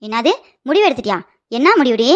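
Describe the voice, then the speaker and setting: A woman voicing a sharp-tongued, scolding middle-aged mother-in-law in a cartoon comedy. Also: on the high side, lively intonation, lightly acted. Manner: rapid scolding and mocking.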